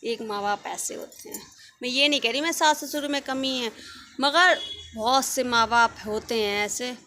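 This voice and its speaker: A woman's voice: on the high side, normal speed, pushed and bright, slight background noise. Frank, chatty woman vlogger. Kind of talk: casual vlog talk to viewers.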